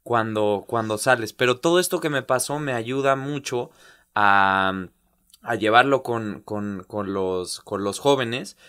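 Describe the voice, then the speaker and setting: A middle-aged man with a bright, forward voice talks things through as an interview guest. He restarts his phrases often and pauses to find words, in a calm, reflective conversational tone. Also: mid-range voice, clear, resonant tone. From Mexico. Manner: halting, many restarts and "¿sabes?" tags. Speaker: interview guest, former pro footballer and youth coach.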